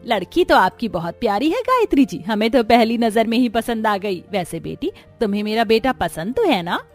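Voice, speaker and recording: A patient middle-aged cartoon mother-in-law coaxes and pleads in a fairly high, very lively voice, as a woman voices her. Soft music runs under the storybook dub. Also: moderate pace. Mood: kindly. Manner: gentle, pleading, conciliatory. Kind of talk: animated storybook dubbing.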